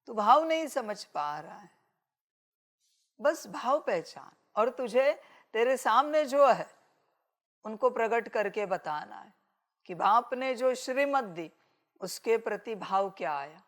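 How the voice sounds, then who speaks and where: Slow-speaking woman giving a spiritual discourse. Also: fairly high pitch, lively intonation. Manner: admonishing, addresses listeners as children. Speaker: spiritual teacher.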